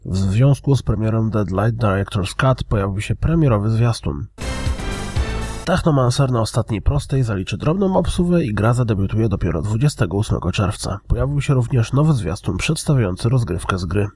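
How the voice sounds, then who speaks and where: A slightly hoarse man from Poland hosting a daily gaming news podcast in scripted narration. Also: lowish voice, mellow.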